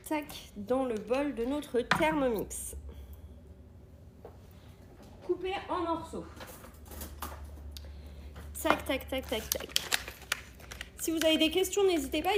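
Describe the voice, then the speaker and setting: A woman's voice: high voice, noisy background. A woman hosting a live cooking stream from an agency kitchen, chatting with viewers, greeting them often and reading their comments aloud.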